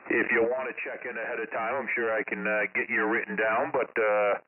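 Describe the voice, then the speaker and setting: A man's voice: fairly low pitch, flat delivery, fairly quick, slightly rough. A man chatting casually and saltily over CB radio, as an operator helping with check-ins. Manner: salty, swearing. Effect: CB radio transmission. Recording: narrow tinny radio audio, light static.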